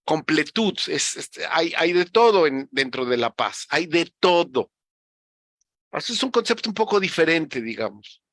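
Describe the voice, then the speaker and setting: Bright-voiced man explaining. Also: a little high, sing-song, a little slow, no room sound, clean studio sound. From Mexico. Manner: reflective, teacherly, many restarts. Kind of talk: conversational explanation.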